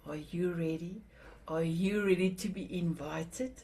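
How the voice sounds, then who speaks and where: Slow-paced, effusive woman show host. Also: lowish voice, warm tone. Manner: effusive, affectionate, repeats phrases. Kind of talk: live show hosting.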